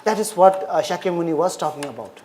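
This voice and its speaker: A Buddhist lecturer speaks in a middle pitch. The talk comes in short, plain, repeated phrases, steady and earnest, like a dharma class. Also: fast, slight background noise. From Nepal.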